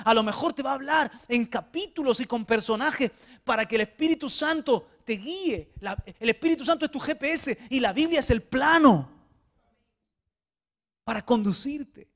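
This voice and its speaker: Speaking in an extremely high pitch, a male pastor delivers a sermon to his congregation in church. His voice moves between hushed passages and loud exhortation, and he frequently repeats small words.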